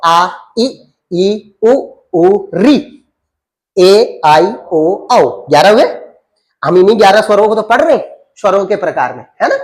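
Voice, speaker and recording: A man teaching Hindi grammar to a class, asking questions and answering them himself in a coaxing call-and-response way. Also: high-pitched. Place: classroom with students.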